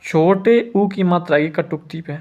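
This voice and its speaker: Male teacher, a little high-pitched, patient and repetitive, drilling spelling rules. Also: darkish tone, lo-fi sound. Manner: repeats each word slowly, asks students if they follow. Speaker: Hindi teacher. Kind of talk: spelling lesson.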